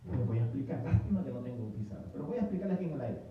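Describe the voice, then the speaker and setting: Echoey Spanish-speaking pastor preaching, far off. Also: male voice, medium pitch, racing. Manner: animated, acts out quoted voices, stumbles and repeats words. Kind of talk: sermon. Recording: heavy echo, distant mic, tinny phone-like sound.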